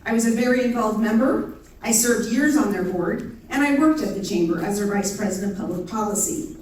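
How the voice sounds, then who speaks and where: A woman giving a formal, measured campaign introduction as a candidate at a debate. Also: a little high, lively intonation, darkish tone. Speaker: political candidate. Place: indoor public debate venue. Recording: distant, very echoey room, faint noise.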